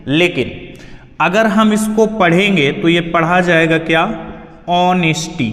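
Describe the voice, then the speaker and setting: A man's voice: a little high, slow pace, a bit bright. A male teacher giving a grammar lesson, asking questions and answering them himself. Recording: echoey hall sound.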